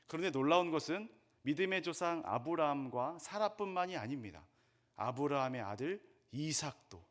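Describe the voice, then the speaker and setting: A middle-aged man giving a sermon as a pastor, with expressive preaching that drops low and slow on quoted scripture. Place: church sanctuary.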